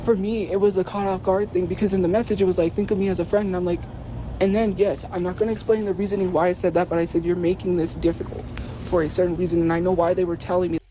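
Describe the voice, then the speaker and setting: A man's voice: sits high, flat delivery, fast talker, dark tone, slight background noise, rough recording. A man telling an emotional personal story in a rambling, filler-heavy way, recorded outside.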